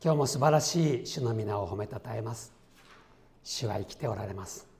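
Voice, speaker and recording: A man's voice: fairly low pitch, normal speed, gravelly. A middle-aged man preaching a sermon as pastor, conversational and asking his listeners questions. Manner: lively, conversational, asks the congregation questions.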